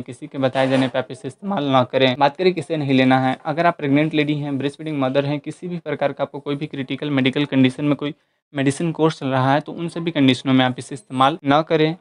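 Hosting an informational channel, a man with a medium-pitched voice delivers an explanatory voice-over, running through points one after another at a steady pace.

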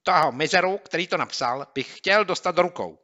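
A man voicing an eager, hot-headed schoolboy sleuth who talks in excited exclamations in an audiobook. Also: a little high, muffled recording, pitched above the performer's own voice. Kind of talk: audiobook character voice.

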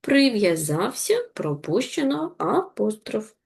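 Lively encouraging woman teacher. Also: mid-range voice, husky. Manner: encouraging, slow and deliberate for the children. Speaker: primary school teacher. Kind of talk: online reading lesson for children.

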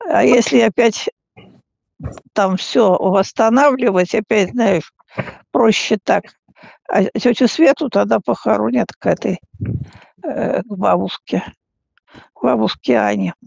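A frail woman in her eighties chatting casually on a phone call like a great-grandmother, halting and often repeating and stammering over words. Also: medium pitch, vocal fry, darkish tone, no room sound. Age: 80s. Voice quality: frail, elderly voice. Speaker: great-grandmother talking with younger relative. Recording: dull, muffled phone call recording.

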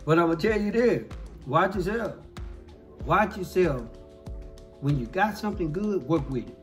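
A middle-aged man with a slightly high voice talks casually, like a host at his table. He gives heartfelt advice emphatically, repeating his points in a preachy storytelling way. Music plays behind him. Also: expressive, a little slow. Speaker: mukbang host. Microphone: desk microphone close in front.

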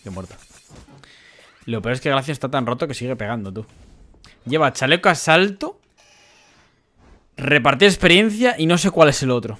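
Chatty young gamer from Spain. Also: male voice, medium pitch, a bit bright. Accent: Spain Spanish. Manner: chatty, addresses viewers as cracks and chavales. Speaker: gaming YouTuber. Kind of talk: casual gameplay commentary.

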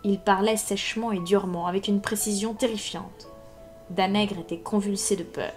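A woman narrating a classic French novel in a measured storytelling voice, in a live reading. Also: medium pitch, steady tone, darkish tone, soft background music. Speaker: reader.

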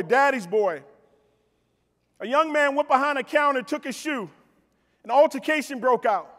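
A middle-aged American man delivers a motivational keynote on stage in a large convention hall, his really high, fairly bright voice carried by reverberant PA sound. He's emphatic, using punchy repetition for effect and speaking directly to the audience.

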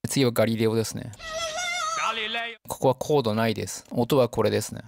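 A man's voice: fairly low pitch, steady tone, a little fast, creaky. A man giving an enthusiastic, chatty music analysis commentary, breaking down chords between piano demos. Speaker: music explainer. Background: piano and song excerpts.

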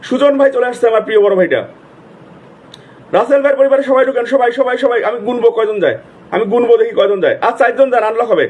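Breathy at the edges and a little mellow, a man's strikingly high voice rattles off viewers' names very fast during a live stream shout-out session. He urgently repeats each appeal many times, his throat sore from the constant calling.

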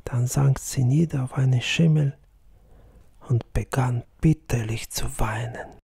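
A man narrates a literary audiobook slowly and in a hushed manner, sometimes almost whispering. His voice is gravelly, dark and husky. The recording is dry and close to the mic. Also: medium pitch, dry recording. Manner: slow, hushed, at times whispered reading.

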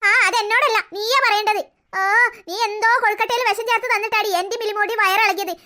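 A woman's voice: very high voice, fairly even intonation, fast talker, pushed and bright. Woman voicing a nagging cartoon grandma. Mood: accusing. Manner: nagging, complaining, accusing. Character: cranky old grandmother, bossy and scolding.

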